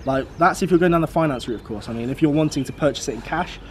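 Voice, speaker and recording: A man's voice: a little high, rapid-fire, slight background noise. A British man in his twenties gives an upbeat, casual motivational vlog outdoors, repeating his key numbers. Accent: British English. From United Kingdom. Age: 20s. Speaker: vlogger. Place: outdoors beside a car.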